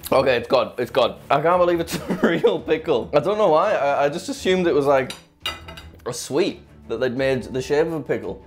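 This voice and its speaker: A vlog presenter reacts out loud to eating sour candy over background music. The voice is mid-pitched, chatty and exclamatory, with a giggly streak and plenty of dramatic complaint. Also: lively intonation, moderate pace. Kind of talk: casual reaction vlog chat.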